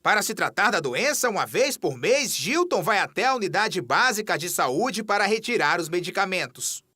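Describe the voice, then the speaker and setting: A man's voice: big pitch swings, moderate pace, sharp tone, no room sound, studio quality. A male TV reporter with an Amazonas Brazilian accent narrating a scripted news story in a dramatic way. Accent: Amazonas Brazilian Portuguese. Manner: dramatic storytelling delivery with wide pitch swings.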